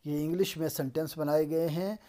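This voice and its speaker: A man's voice: a little high, steady tone, mellow. A man lecturing in a recorded lesson over slides, repeating and translating each sentence step by step. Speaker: Persian lecturer.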